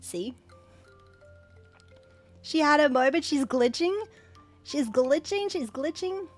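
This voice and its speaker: A woman hosting a casual livestream, excitedly thanking viewers and stumbling over her words. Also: high-pitched, takes it slowly, soft background music. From Australia. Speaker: livestream host.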